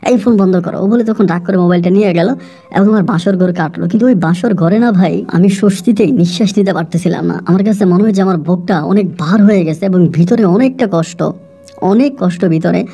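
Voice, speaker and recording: Woman narrator, emotional first-person storytelling, low and mellow. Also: fairly quick. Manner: conversational, frequent fillers, emotional.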